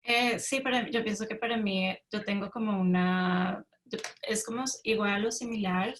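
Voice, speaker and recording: A woman's voice: medium pitch, steady tone, moderate pace, a bit bright, a little hiss or hum. A woman from Colombia with a Bogotá accent, answering interview questions thoughtfully, with hesitant restarts. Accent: Bogotá Colombian Spanish. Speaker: writer guest.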